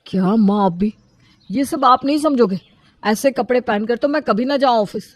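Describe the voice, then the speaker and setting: A woman voicing an indignant, lonely widowed man in an animated storybook, complaining about being neglected. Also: fairly high pitch, moderate pace, no room sound, natural voice. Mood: irate. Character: aggrieved lonely widowed elder brother-in-law, man.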